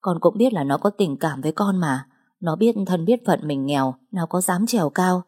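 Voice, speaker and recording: A woman playing a desperate middle-aged mother, tearful and imploring, in an audiobook. Her voice is husky and dark, a little raised when she begs. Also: on the low side, expressive, moderate pace. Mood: pleading. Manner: imploring, insistent.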